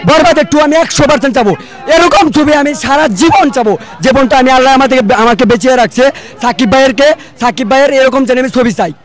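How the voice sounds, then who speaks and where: A man with a Bangladeshi Bengali accent, a moviegoer interviewed outdoors outside a cinema, talking emphatically and repeating himself as an excited fan. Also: very high voice, fast. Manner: repetitive, emphatic, fan enthusiasm. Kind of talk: excited street vox pop. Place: outdoors outside a cinema hall, crowd around. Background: crowd chatter.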